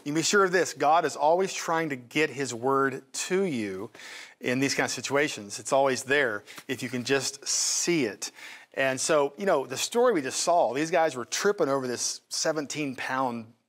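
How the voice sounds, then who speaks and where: A man hosting a faith and finance show, teaching from the Bible in an animated way. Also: medium pitch, moderate pace. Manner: animated, acts out Bible voices. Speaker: host and teacher.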